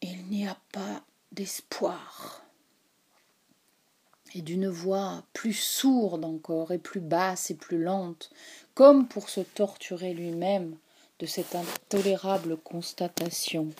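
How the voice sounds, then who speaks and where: A woman reading a literary novel aloud in a grave, measured way. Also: lowish voice, steady tone, a little mellow, slightly rough. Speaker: audiobook narrator.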